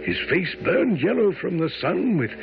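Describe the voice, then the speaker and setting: An actor playing an earnest gentleman doctor, narrating a radio drama with measured, dramatic storytelling. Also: sits high, sing-song, creaky, music in the background, full character voice. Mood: earnest, absorbed. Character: earnest gentleman doctor, the detective's loyal companion. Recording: dull old radio broadcast.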